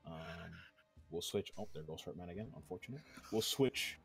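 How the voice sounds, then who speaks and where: A man leading a game raid over voice chat, explaining strategy in a halting, rambling way with casual swearing. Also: low-pitched, animated, faint music behind. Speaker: raid leader.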